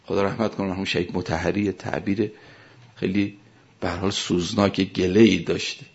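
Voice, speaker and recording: Gravelly low-voiced man preaching. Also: flat delivery, dull audio. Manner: emphatic, rises and falls sharply in loudness. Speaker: cleric. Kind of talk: sermon.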